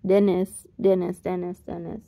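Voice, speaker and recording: A woman's voice: on the low side, level tone, moderate pace, dark tone. A tired woman in her thirties tells a family story in casual, rambling talk. She corrects herself often and chuckles partway through sentences. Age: 30s. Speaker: vlogger. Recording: slightly dull lo-fi sound.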